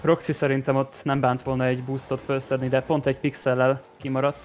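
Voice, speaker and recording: Mid-pitched man co-commentating esports. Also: monotone, a little hiss or hum. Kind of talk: live analytical game commentary.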